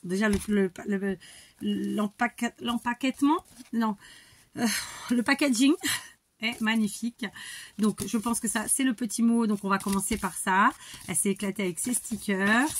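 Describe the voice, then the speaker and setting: A woman vlogging about scrapbooking, chatting casually and warmly as she opens her mail, often restarting words and laughing softly. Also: mid-range voice, unhurried, slight background noise. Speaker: scrapbooking YouTuber. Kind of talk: casual chat while opening mail.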